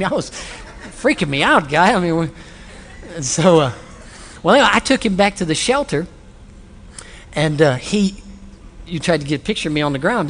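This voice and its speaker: A middle-aged male pastor tells a story from the pulpit, lively and chatty, turning to his listeners now and then. His voice sits a bit high for a man, and it rings with a long hall reverb. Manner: animated, conversational, with asides to the audience. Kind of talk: storytelling sermon.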